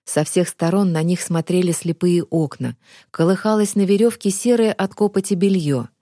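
A woman narrating a storybook in a calm, even telling. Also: fairly low pitch, normal speed, no echo, clean studio sound. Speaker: audiobook narrator. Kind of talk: scripted narration.

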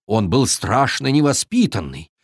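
A storyteller reading a children's fairy tale aloud in a very expressive, sing-song way. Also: mid-range voice, a little slow, slightly rough, dry recording, clean studio sound.

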